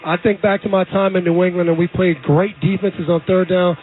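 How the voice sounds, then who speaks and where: A man's voice: high voice, fairly even intonation, brisk, soft background music. A man, a former player, giving casual, confident football analysis on a radio broadcast. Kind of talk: radio sports commentary. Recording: phone-like band-limited radio audio.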